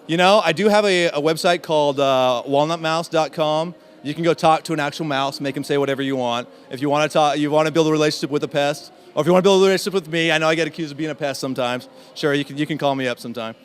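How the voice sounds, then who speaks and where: A man talking as an interview guest in a casual conference chat, with many fillers and halting restarts. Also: on the high side. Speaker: interview guest, in-house SEO specialist.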